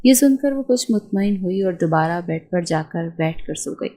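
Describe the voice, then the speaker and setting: A woman narrating a romance novel aloud at a steady, measured pace. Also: fairly low pitch. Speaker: audiobook narrator.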